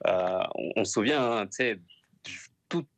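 A man, a former player, talking soccer in a casual panel, measured and thoughtful. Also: on the low side, animated, fairly bright tone, no room sound. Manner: measured, thoughtful, drops fillers.

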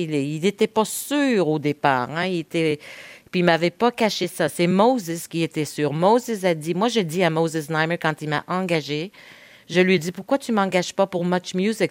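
Female guest, 50s, from Quebec, native Spanish speaker; low, earnest, hesitant delivery, dry close sound. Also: dry recording. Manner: earnest, reflective, frequent hesitations with "euh". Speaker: guest, veteran TV host. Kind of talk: candid interview conversation.

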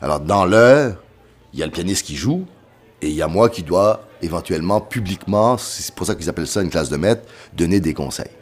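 A middle-aged man with a Quebec French accent, a pianist telling a lively anecdote over a meal and voicing the people in it. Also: deep voice, a little fast. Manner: lively storyteller, voices other people in the story. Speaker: pianist guest.

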